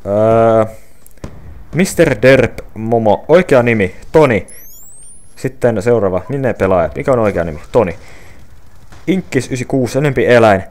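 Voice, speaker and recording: A man's voice: medium pitch, expressive, pauses often, darkish tone. A young man reading viewer questions off his phone and answering them casually, with many fillers and restarts. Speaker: gaming channel creator answering viewer questions.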